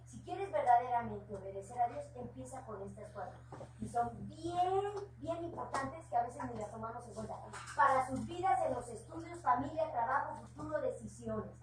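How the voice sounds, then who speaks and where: A woman's voice: sits high, lively intonation, normal speed. A woman with a Mexican accent, preaching informally at a house church meeting, earnest and conversational, with homely personal asides. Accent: Mexican Spanish. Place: room at a home church gathering. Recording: echoey room, distant mic, noisy background.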